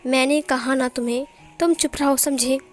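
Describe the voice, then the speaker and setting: A woman's voice: high-pitched, steady tone, normal speed, soft background music, lightly acted. A woman voicing a stern, proud older uncle who scolds everyone, in a story reading. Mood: angry.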